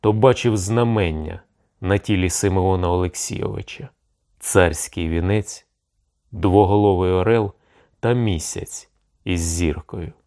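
A man narrating an audiobook with steady storytelling. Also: sits low, unhurried. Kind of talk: scripted narration.

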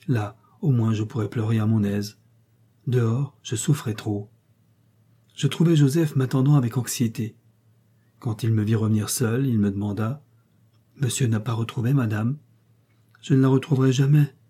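A man's voice: mid-range voice, mellow, breathy edge. A man reading a novel aloud in the first person, with dramatic, emotional delivery. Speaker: audiobook reader.

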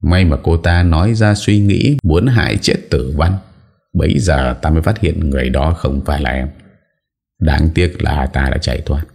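A man's voice: very deep voice, moderate pace, creaky, a little mellow, slightly rough, exaggerated voice. A man reading the lines of an earnest young man. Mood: urgent.

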